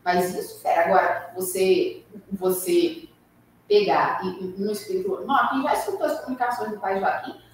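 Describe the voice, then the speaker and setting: A woman leading a spiritist study class, animated and acting out quoted voices, recorded far off in a hall. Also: mid-range voice, moderate pace. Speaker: study group lecturer. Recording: echoey room from far off, faint hiss.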